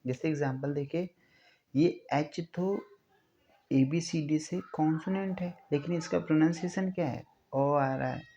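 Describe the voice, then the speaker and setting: A man teaching an English grammar lesson step by step, often asking his students whether it is clear and drawing out sounds slowly to show pronunciation. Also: a little high, mellow, lo-fi sound.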